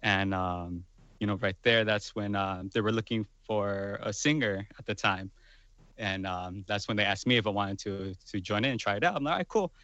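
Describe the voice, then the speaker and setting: A man's voice: lowish voice, moderate pace, a bit bright, no echo, muffled recording. A man in his twenties, a guest musician, talking in a rambling casual way with lots of fillers. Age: 20s. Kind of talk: casual chat.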